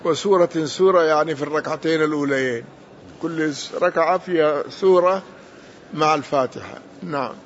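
Male sheikh, measured teacher's delivery, slightly high voice, muffled lo-fi recording. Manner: slow, deliberate, corrects the reader. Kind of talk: explaining a text to a student. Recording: dull lo-fi sound with faint noise.

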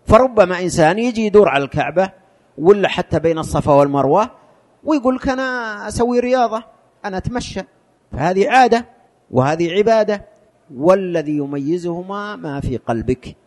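A man teaching a religious lesson, explaining slowly and repeating key words for emphasis. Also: high voice, expressive.

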